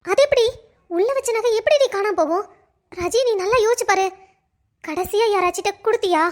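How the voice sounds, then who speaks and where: A woman's voice: very high-pitched, moderate pace. A woman voicing a sly young friend in a cartoon who questions and hints at suspects. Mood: concerned. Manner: questioning, insinuating. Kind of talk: cartoon voice acting.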